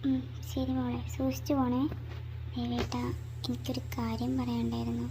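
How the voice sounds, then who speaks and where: A performer voicing a tense, unhappy young mother who speaks quietly and snaps at her child. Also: high-pitched, steady tone, a little fast, background noise, close to an everyday voice. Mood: strained. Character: troubled young mother, tense and short-tempered. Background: background music.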